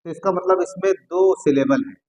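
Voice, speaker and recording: A man teaching an English grammar lesson, often repeating key words slowly as he writes them on the board. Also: sits high, darkish tone, rough recording.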